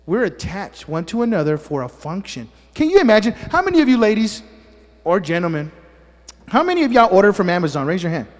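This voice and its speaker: High-pitched and sing-song, a little fast, a pastor's voice carries big-room sound through the church sanctuary. This native Spanish speaker preaches to his congregation, tossing out teasing asides and repeatedly asking "amen?"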